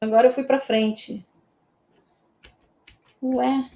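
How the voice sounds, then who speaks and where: A woman from Brazil leads an online exam-prep lesson with a high voice. She keeps it chatty, checking in with her students after nearly every point. The room around her is echoey. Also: little pitch movement, extremely slow, warm tone. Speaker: teacher.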